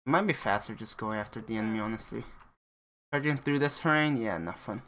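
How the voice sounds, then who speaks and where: A man's voice: on the low side, fast, fairly bright tone. A man streaming himself playing a game, chatting casually with viewers and laughing often. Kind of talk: casual live-stream chat while playing.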